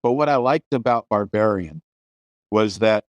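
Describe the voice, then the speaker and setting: A man's voice: on the low side, lively intonation, unhurried, no room sound, dull audio. A middle-aged man hosting a podcast, talking opinionatedly about films with many restarts. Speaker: podcast host. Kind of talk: casual film discussion.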